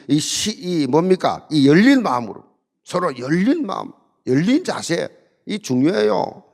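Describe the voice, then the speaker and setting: Emphatic pastor in a reverberant hall. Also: male voice, on the high side. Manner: emphatic, repetitive, humorous preaching with call-and-response. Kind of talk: sermon at a marriage seminar.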